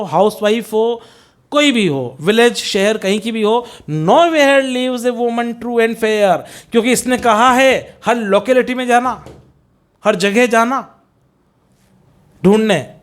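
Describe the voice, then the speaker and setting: A middle-aged male teacher with a high voice lectures on an English poem for exam students. He mixes Hindi and English, asks questions and answers them himself, and slows right down whenever he quotes a line of verse. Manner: explains in Hindi mixed with English, reads poem lines slowly and stretched.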